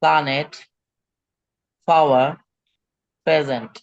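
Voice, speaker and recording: A man's voice: fairly high pitch, fairly even intonation, a little slow, dry recording. A male English teacher, leading an online pronunciation drill and patiently repeating words for students. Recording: dull lo-fi online call audio.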